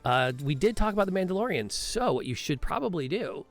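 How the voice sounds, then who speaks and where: This podcast and live stream host is a man with a high voice who speaks fairly quickly and very animatedly. He chats casually in an upbeat, rambling way, often restarting and leaning on fillers.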